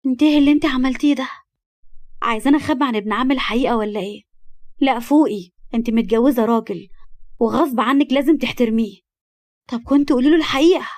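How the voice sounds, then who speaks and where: A woman's voice: fairly high pitch, fairly even intonation, quick pace, dry recording, close to an everyday voice. A woman doing a sly, pushy young schemer. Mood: indignant. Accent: Egyptian Arabic.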